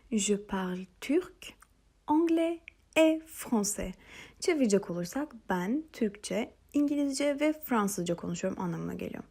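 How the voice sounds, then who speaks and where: Woman from Turkey, patient French teacher, gravelly and breathy, lively pitch, repeats phrases slowly. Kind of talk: language lesson narration.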